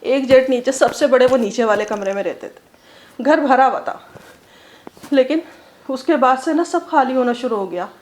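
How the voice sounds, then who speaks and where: A woman's voice: high-pitched, moderate pace, pauses often, a little mellow. A woman, telling her own story in an interview in earnest detail. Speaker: interviewee, homeowner. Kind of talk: personal account in an interview.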